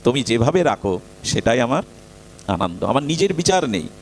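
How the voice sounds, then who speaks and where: A man giving a devotional sermon, telling a story and putting questions to his listeners in an expressive preaching manner. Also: medium pitch, normal speed, a little hiss or hum. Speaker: spiritual speaker.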